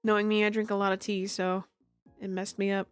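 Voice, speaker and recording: A woman who livestreams games and does amateur voice acting chats casually close to the mic, giggly, rambling and self-deprecating. Her medium-pitched voice is smooth, a little fast and flat in delivery, with music in the background.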